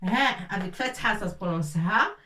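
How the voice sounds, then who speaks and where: Slow, bright-voiced woman teaching a class. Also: fairly high pitch, expressive, slight background noise. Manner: slow, repetitive, drills words aloud. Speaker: Arabic teacher. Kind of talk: classroom grammar lesson. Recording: echoey room, voice from far off.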